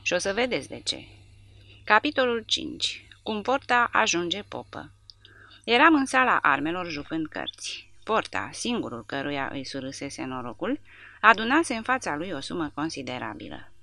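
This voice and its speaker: A woman narrating an audiobook in a measured, dramatic reading. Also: deep voice, sing-song, gravelly, pushed and bright, no room sound. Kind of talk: scripted narration.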